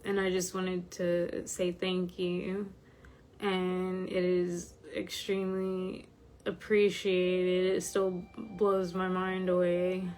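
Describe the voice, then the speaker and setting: Slow, slightly croaky, tired woman. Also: fairly low pitch, completely flat delivery, darkish tone, a little hiss or hum, low-quality recording. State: tired from medication. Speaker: host of an online spiritual study group. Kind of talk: informal livestream talk.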